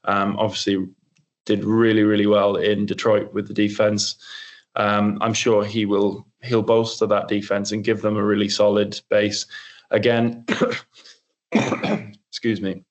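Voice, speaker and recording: A man's voice: on the low side, flat delivery, a little slow, dull audio. A young man co-hosting a casual sports podcast, rambling with lots of ums and restarts. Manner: rambling, filler-heavy, many restarts. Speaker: co-host.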